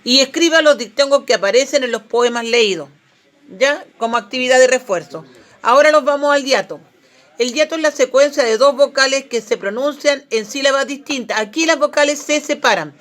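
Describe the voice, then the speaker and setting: A woman's voice: high-pitched, a little fast. A Chilean woman who teaches primary school, giving a recorded grammar lesson. She explains step by step, often checks in with her pupils, and encourages them. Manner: warm and encouraging toward pupils.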